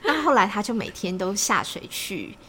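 A woman co-hosting a casual podcast chat, recounting stories and agreeing quickly with her partner. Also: medium pitch, big pitch swings, fairly bright tone, a little hiss or hum. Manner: chatty storyteller, quick repeated agreement. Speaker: podcast co-host.

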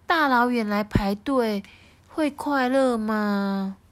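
A woman voicing an eager, cheerful young female cat in a storybook reading, high and excited. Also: slow. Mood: pleading. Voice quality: high and bright. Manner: excited, pleading.

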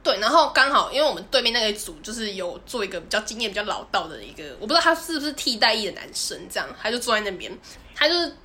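A woman's voice: on the high side, very animated, rapid-fire, sharp tone. A woman, co-hosting a podcast and animatedly telling a story, often laughing and acting out the people in it. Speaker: podcast co-host. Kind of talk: casual storytelling chat.

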